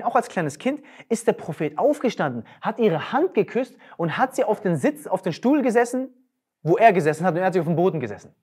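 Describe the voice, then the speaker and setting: A woman delivers a religious lecture in a husky, somewhat low voice. She speaks emphatically and keeps firing off rhetorical questions. Her pitch swings widely as she drives each point home. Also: darkish tone.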